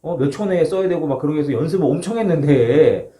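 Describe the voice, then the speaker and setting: A former marine's fast, high-leaning voice carries a casual personal story in which he acts out moments and shouts with animation. He uses polite, formal sentence endings, and the space sounds echoey and open.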